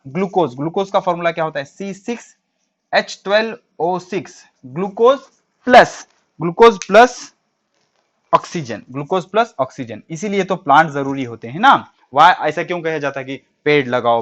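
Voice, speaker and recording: A man's voice: a little high, lively intonation, moderate pace, a bit bright. A male teacher giving a classroom chemistry lecture, asking questions and answering them himself, mixing English terms into his speech. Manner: quizzing students and answering his own questions. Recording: dull lo-fi recording.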